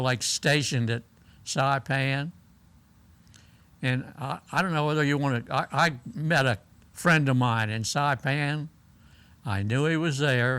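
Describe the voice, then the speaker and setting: An elderly American man, a war veteran, remembering his service in halting, plain-spoken stories as he is interviewed. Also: medium pitch, a bit bright, smooth. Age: elderly, 80s or older. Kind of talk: unscripted oral-history reminiscence.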